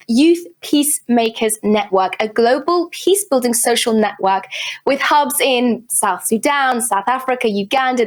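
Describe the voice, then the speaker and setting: A woman from Afghanistan moderating a virtual panel, earnest and heartfelt as she introduces speakers. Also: a little high. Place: remote video call.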